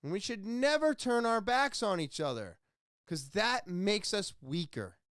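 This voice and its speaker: Podcast host, male, passionate solo rant, wide swinging pitch, unhurried delivery. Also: sing-song, dry recording, studio quality. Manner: impassioned, ranting, then quiet and somber. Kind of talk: solo opinion monologue.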